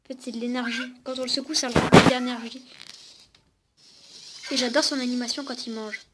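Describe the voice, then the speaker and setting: In this noisy home recording, a young woman talks brisk and steady in a voice on the high side. She's showing off a toy robot unboxing-style, cat in her lap, chatting with both the gadget and her audience.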